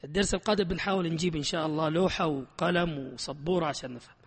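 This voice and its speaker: A man teaching a grammar lesson, animated and emphatic, who keeps quizzing his class. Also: a little high, very fast, creaky, breathy edge, long reverb tail.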